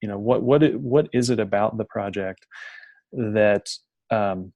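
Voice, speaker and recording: A man talks through an information session on a video call. His voice has a gravelly, creaky texture and a dry sound with no room around it. He speaks in a halting way and often restarts his phrases mid-thought. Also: on the low side, no echo, narrow, tinny audio. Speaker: program coordinator presenting an information session. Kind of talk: presenting to an online audience.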